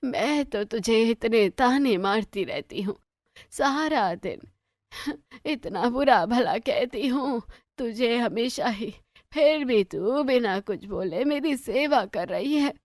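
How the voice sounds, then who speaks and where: A woman voicing a sharp-tongued, middle-aged mother-in-law in a cartoon story, scolding and taunting. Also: a little high, lively intonation, takes it slowly, dry recording, studio quality. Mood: remorseful. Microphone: dry close voice-over.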